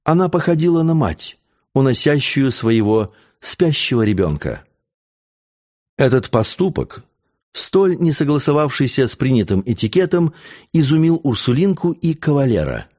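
A man narrating an audiobook in an expressive, theatrical reading. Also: medium pitch, normal speed. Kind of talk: audiobook narration of a historical novel.

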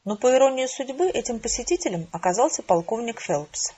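A woman narrates a first-person audiobook in a measured, dry and even way. Her voice is husky and sits slightly high. The recording sounds dull and lo-fi.

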